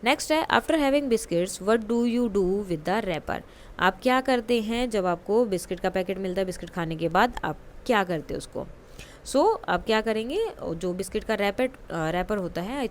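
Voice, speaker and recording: Lady teacher going over a kids worksheet, unhurried, slight hiss behind. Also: mid-range voice, lively intonation. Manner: slow, clear English reading, then quick Hindi explanation. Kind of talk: worksheet lesson for young children.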